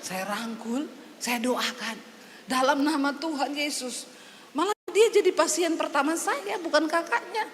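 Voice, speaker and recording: A woman's voice: high-pitched, a little slow, in a large hall, slight background noise. A woman pastor delivering a sermon, telling a story, joking and acting out conversations.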